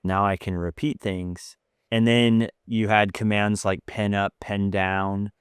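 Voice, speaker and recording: A male podcast host talks in a chatty, enthusiastic way. His voice is low and smooth, and the recording is dry. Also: level tone, slow, no room sound. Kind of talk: interview podcast.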